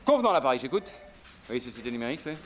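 A man playing a boastful, joking top salesman in a sitcom office scene, quick to turn crude and shout. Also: mid-range voice, very animated, background noise, natural voice. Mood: scheming. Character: brash joking male salesman, loud and crude. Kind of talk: sitcom acting. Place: office by a coffee machine.

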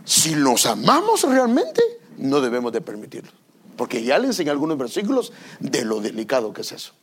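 An older man preaching a sermon as pastor, animated and acting out parents and children in little scenes. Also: mid-range voice, a little fast, husky.

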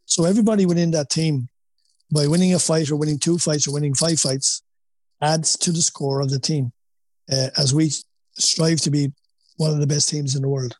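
A man's voice: fairly high pitch, fairly even intonation, moderate pace, darkish tone, dry recording. A man with an Irish accent from Wexford, a boxing coach answering interview questions conversationally, often repeating points and adding "you know". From Wexford, Ireland. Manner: peppers talk with "you know", emphatic repetition. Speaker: boxing coach, former boxer.

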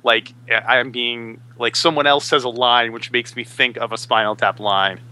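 A man with a bright, forceful voice, talking loosely on a podcast. He swears casually and drops film quotes into the conversation. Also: medium pitch, steady tone, moderate pace, clear, resonant tone.

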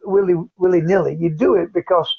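A man's voice: high voice, fairly even intonation, brisk, vocal fry, slightly rough. A man calling in to a talk show over a phone line, speaking earnestly and often restarting his phrases. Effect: heard over a phone call. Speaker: radio phone-in caller. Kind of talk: casual call-in chat. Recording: muffled phone-line audio.

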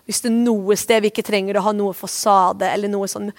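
A woman's voice: medium pitch, flat delivery. Earnest woman pastor preaching. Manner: earnest, repeats short phrases. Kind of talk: sermon; ends in spoken prayer.

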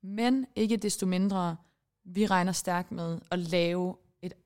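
Danish podcast co-host gal, icelandic first language, giggly and rambling, laughs at herself. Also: female voice, fairly low pitch, steady tone, darkish tone, clean tone. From Denmark. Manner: giggly, rambling, self-mocking. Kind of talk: casual chat.

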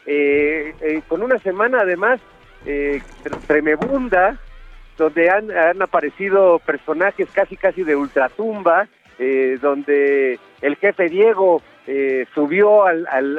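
Male radio host, Mexican accent, slightly high voice, casual and playful, stumbling delivery, muffled lo-fi broadcast with soft music underneath. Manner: halting, playful. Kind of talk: casual opening monologue. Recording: dull radio sound over faint music.

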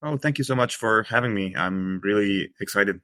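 A man's voice: fairly low pitch, normal speed, bright, forceful tone, dry recording, studio quality. A man in his thirties from Egypt, a podcast guest, talking hesitantly with many fillers. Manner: hesitant, full of uh and like, restarts. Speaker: guest researcher. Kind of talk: casual podcast interview.

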